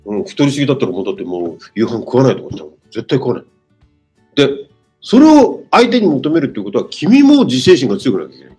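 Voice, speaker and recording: Guy ribbing students in a loose chat, fast and husky, bouncy pitch, faint music under it. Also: sing-song, mellow. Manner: brusque, teasing, rough-spoken. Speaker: free school counselor hosting a talk. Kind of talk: casual teasing chat.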